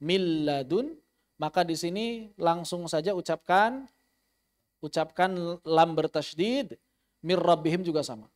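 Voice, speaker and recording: High-voiced man teaching tajweed. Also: expressive, a little slow, long pauses. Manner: explains patiently, repeats key terms, demonstrates recitation. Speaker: Quran recitation teacher. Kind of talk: online tajweed lesson.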